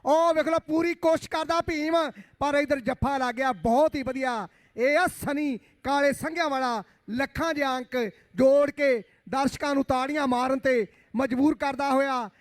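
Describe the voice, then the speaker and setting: A man giving live kabaddi commentary in exclamatory, rhyming chants with drawn-out phrases. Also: very high voice, no room sound.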